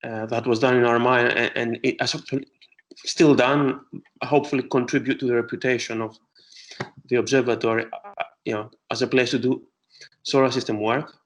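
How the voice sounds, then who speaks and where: A middle-aged man from Greece, an astronomer answering interview questions with many pauses and restarts. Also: mid-range voice, fairly even intonation, fairly bright tone, low-quality recording. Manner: hesitant, many fillers and restarts.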